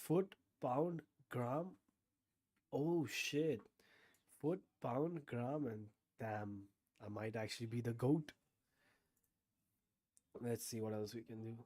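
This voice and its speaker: A man's voice: medium pitch, steady tone, takes it slowly, pauses often, a little mellow, no room sound. A man streaming a guessing game, thinking aloud with frequent swearing and sudden bursts of disbelief. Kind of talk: casual game commentary.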